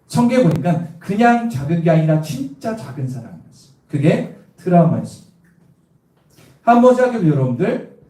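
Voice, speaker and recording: A middle-aged pastor, preaching and telling humorous personal stories while quizzing his congregation. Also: sits high. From Cheongju, South Korea. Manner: lively, asks the congregation questions, tells personal stories with humor. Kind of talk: evangelistic sermon. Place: church sanctuary. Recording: echoey church sanctuary from a distance.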